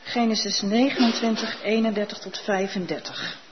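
Calm woman reading scripture aloud. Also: medium pitch. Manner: calm, deliberate reading pace. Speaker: scripture reader in a church service. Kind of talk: measured liturgical Bible reading. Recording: slightly dull recording with faint room noise.

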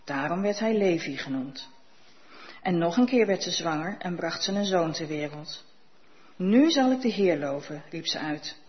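A woman reading Bible passages in a church service, calm and deliberate. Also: fairly low pitch. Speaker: scripture reader in a church service. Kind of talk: measured liturgical Bible reading. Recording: slightly dull recording with faint room noise.

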